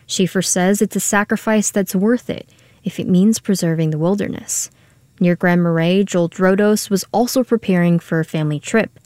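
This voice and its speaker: A woman radio reporter reading a scripted news story in a clear, even way. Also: on the low side, normal speed, no room sound.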